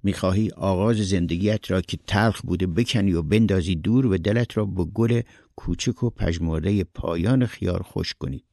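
A man's voice: sits low, creaky, darkish tone, no room sound, clean studio sound. A man voicing a blunt, philosophical male friend who lectures. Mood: lecturing.

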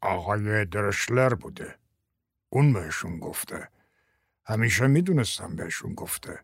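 A man's voice: lowish voice, expressive, husky, no echo, studio quality, pitched below the performer's own voice. A man voicing an elderly, grieving male survivor in an audiobook, speaking in a bitter, weary, subdued way. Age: older. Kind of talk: audiobook character voice.

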